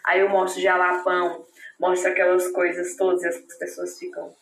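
A woman's voice: fairly low pitch, completely flat delivery, normal speed, a bit bright, echoey room, poor audio. A woman from northern Brazil, chatting casually as an interviewee about life abroad, often adding "né?" to her sentences. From Tocantins, northern Brazil. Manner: chatty, many "né?" tags. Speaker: interviewee living in Germany.

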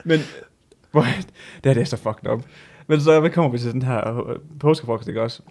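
A young man chatting casually as a podcast co-host, an animated storyteller who laughs often and swears freely. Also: medium pitch. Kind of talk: casual chat.

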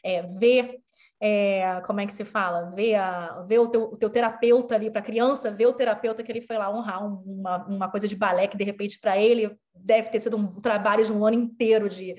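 A woman's voice: mid-range voice, fairly even intonation, brisk, darkish tone. A woman psychologist hosting a podcast, talking with hesitations and restarts. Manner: hesitant, many fillers and restarts. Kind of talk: podcast conversation.

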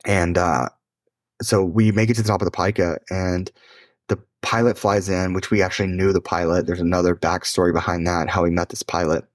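A man telling an adventure story in a casual, excitable way, swearing and saying "dude" often, as an interview guest. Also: sits low, brisk, no echo, studio quality.

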